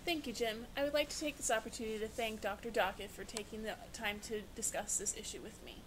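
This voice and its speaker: A woman's voice: a little high, quick pace, slight background noise, close to an everyday voice. A woman playing an earnest, prim liberal professor who protests indignantly in a scripted news satire. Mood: prim, polite.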